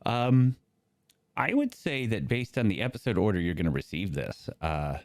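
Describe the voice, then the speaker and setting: A man's voice: lowish voice, big pitch swings, moderate pace, dry recording, clean studio sound. A man with a slight lisp co-hosting a casual chat show, rambling and joking. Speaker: co-host.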